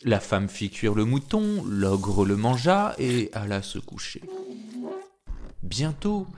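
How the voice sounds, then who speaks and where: A man reading a fairy tale aloud in an expressive storytelling manner. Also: lowish voice, faint music behind. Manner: slow, expressive, lively.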